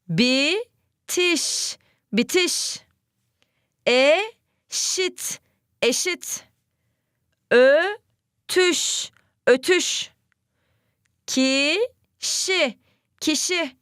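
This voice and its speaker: A young woman teaching first graders to read. She sounds cheerful and speaks slowly, repeating each word aloud for the children. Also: high-pitched, sharp tone, no echo, clean studio sound. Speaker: primary school teacher. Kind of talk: children's reading lesson.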